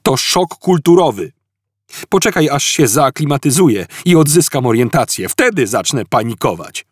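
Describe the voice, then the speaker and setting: A man reading an audiobook, voicing a panicky, put-upon Englishman who wails and complains in a shrill voice. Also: sing-song, moderate pace, husky, no echo, clean studio sound. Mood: indignant.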